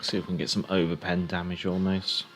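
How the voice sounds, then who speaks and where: A man's voice: low voice, completely flat delivery, fast, over loud music. A man streaming a game, chatting casually and thinking aloud as he gives live commentary.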